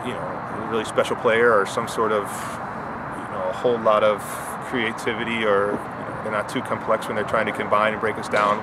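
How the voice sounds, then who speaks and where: A man in his thirties speaks as a head coach after a game, candid and plain-spoken, pausing on fillers. His voice sits fairly low. Loud traffic noise fills the outdoor night air around him. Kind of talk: post-game interview. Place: outdoor soccer field at night. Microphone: handheld interview mic, close framing.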